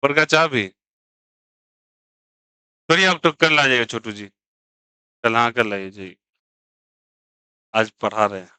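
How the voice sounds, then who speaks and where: Bright-voiced teasing chemistry teacher. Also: male voice, medium pitch, animated, slow, long pauses, smooth, dry recording, low-quality recording. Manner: teasing, jokey, asks students to answer. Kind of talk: lively classroom lecture.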